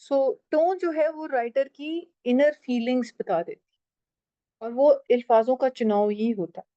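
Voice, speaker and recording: A woman's voice: high-pitched, a little slow, mellow, no room sound, lo-fi sound. A woman teaching a writing class, explaining step by step and often checking in with her students. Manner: switches often into English phrases. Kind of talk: online class lecture.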